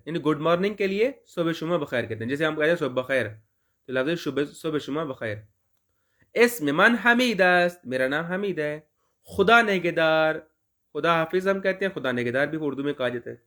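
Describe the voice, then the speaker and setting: Guy teaching a persian class, slightly high voice, goes slow and repeats words over and over. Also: fairly bright tone. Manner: explains slowly, repeats words and stretches them out for teaching. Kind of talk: recorded language lesson.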